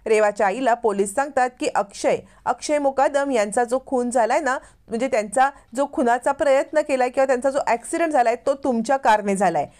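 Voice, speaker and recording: A woman narrating the plot of a TV serial in a steady storytelling manner. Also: sits high, brisk, hardly any pauses.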